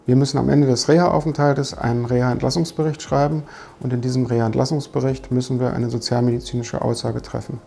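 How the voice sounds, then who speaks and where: A man speaking as a chief physician in a documentary interview, measured and often pausing with fillers. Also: medium pitch, flat delivery, creaky, dark tone, soft background music. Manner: measured, with frequent hesitation fillers.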